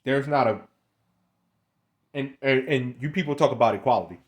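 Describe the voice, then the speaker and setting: A man's voice: medium pitch, normal speed, muffled recording. A man in his twenties giving a casual, rambling monologue, often stammering and repeating words, with street slang. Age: 20s. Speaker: online commentator.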